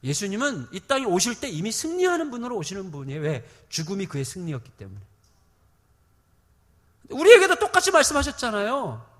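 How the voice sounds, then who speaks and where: A middle-aged man preaching in a church, his fairly high voice ringing with a long hall reverb. He hammers home repeated lines and swings from loud declarations to hushed, confiding stretches. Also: huge pitch swings, fairly quick. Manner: emphatic preaching with repeated phrases and sudden swings in loudness. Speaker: pastor. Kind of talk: sermon.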